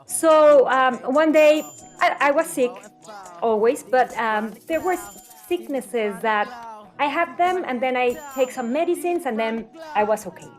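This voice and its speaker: A middle-aged health coach from Mexico City, whose first language is Spanish and who has a Mexican accent, casually shares personal stories as an interview guest and acts out quotes. Her voice is high-pitched and measured, with faint music in the background.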